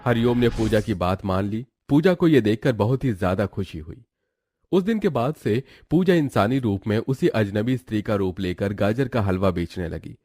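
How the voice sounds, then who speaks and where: A man narrating a cartoon story in a steady, dramatic storytelling manner. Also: fairly low pitch, normal speed, dry recording.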